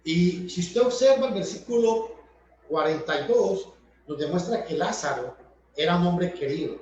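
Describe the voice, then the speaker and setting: A man's voice: high-pitched, moderate pace, a little mellow, slight background noise. A man preaching a Bible study sermon, explaining verses patiently and restating each point in several ways. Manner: explanatory, repeats and rephrases points. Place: church hall. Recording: echoey, distant, dull church recording.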